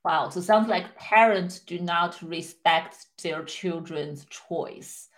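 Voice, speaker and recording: A woman hosting a podcast, speaking in a measured, clear, explanatory way as she introduces the topic and interviews a guest. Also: on the low side. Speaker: podcast host, clinical psychologist.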